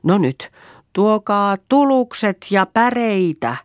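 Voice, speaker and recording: A woman's voice: sits low, animated, no echo. Woman reading as a practical young farm girl, short instructions, dry close sound. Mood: steady. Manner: takes charge, gives short instructions.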